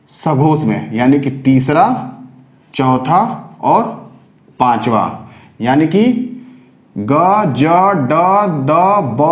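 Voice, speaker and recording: A man's voice: high-pitched, a little mellow, reverberant. A man teaching a Hindi grammar lesson for exam preparation, explaining step by step and answering his own rhetorical questions. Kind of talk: classroom-style lesson for exam prep.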